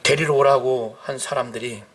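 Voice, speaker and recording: A man's voice: mid-range voice, fairly even intonation, moderate pace. A man, a pastor, preaching an emphatic sermon and acting out the people he quotes. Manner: emphatic, rising to shouts at climaxes; acts out quoted cries and speech.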